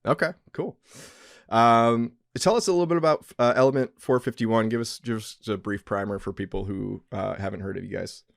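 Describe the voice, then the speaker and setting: A man hosting a podcast, talking in an upbeat, conversational way with many fillers, often trailing off softly at the ends of phrases. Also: lowish voice, moderate pace, creaky, no room sound, clean studio sound. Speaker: podcast host.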